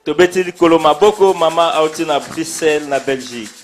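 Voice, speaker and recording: A man's voice: on the high side, a little fast. A man pastor in a church hall, welcoming visitors with rhythmic, declamatory calls and blessings.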